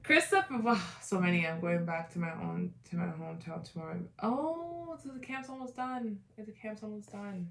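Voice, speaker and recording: Gravelly-voiced woman chatting on a livestream. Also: mid-range voice, lively intonation, moderate pace, few pauses, fairly bright tone, reverberant. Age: 20s. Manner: chatty, rambling, greets viewers by name. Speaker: livestream host. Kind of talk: casual live chat with viewers.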